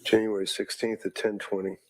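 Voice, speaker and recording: In a courtroom recording, a defense attorney cross-examines a witness, leading his questions while halting and repeating himself. His voice is on the low side with little pitch movement, and there is background noise.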